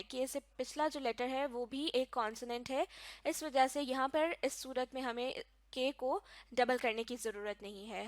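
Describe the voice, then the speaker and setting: A woman's voice: a little high, no room sound. A woman teaching English grammar in a recorded lecture, explaining patiently step by step and spelling words out letter by letter. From Pakistan.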